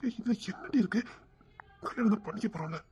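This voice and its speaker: A woman's voice: medium pitch, fast talker. A woman voicing an eager young man who coaxes and reassures his girlfriend. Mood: coaxing. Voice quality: husky. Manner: coaxing, soft reassurances.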